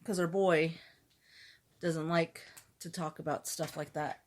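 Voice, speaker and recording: A woman's voice: deep voice, steady tone, slow pace. A woman podcast co-host chatting casually in a candid, joking way, with some swearing. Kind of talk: casual chat.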